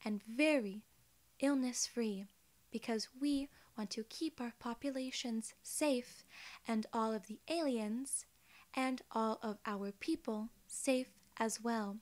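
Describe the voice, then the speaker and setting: In a close-up ASMR role-play, a young woman in her 20s plays a soft-spoken female alien gatekeeper with a slightly high voice. She speaks formally and in a measured way, sounding polite and reassuring.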